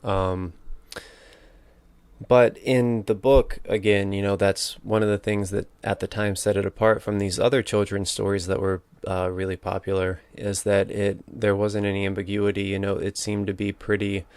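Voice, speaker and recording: A lowish, smooth male voice with a flat, even delivery, hosting a casual solo talk about a book. He thinks aloud, hesitating and correcting himself along the way. The sound is dry and close on a battery-powered microphone. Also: moderate pace, dry recording. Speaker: podcast host.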